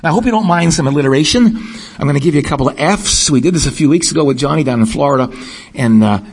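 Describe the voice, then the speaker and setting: Husky, high-voiced middle-aged preacher. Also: male voice, very fast. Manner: emphatic, repeats words while building a point; asks the congregation questions. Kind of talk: sermon.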